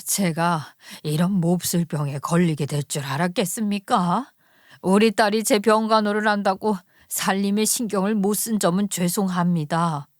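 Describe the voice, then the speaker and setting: A woman voicing a frail, gentle elderly mother who is ill and speaks softly and apologetically. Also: medium pitch, fairly even intonation, normal speed, no room sound, clean studio sound, natural voice. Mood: apologetic. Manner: soft, quiet, apologetic. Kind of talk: storytelling radio narration.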